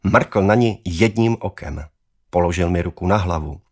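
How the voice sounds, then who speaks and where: A man narrating a children's story in a measured, expressive way. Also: sits low. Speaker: audiobook narrator.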